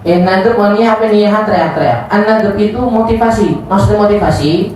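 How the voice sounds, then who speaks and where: A woman's voice: mid-range voice, brisk, a little mellow, a little hiss or hum. A woman giving a casual religious study lesson, joking and acting out little dialogues as she teaches. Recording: echoey room, distant mic, faint ambience.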